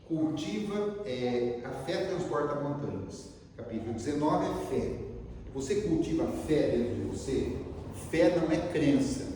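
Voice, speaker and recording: A man's voice: on the high side, a little slow, recorded from a distance, slight background noise. Man with a Brazilian accent lecturing in a hall. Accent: Brazilian Portuguese. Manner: lively storyteller, asks the audience questions. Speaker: lecturer at a spiritist center. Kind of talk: spiritist lecture with storytelling. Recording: echoey hall, voice from afar.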